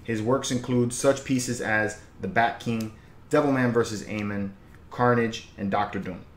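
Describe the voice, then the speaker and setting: A man's voice: mid-range voice, fairly even intonation, a little slow. An older man hosting an interview, who reads an introduction and then asks loose, upbeat questions, sometimes stumbling over his words. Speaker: interview host. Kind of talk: scripted introduction and casual questions. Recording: echoey room, faint noise.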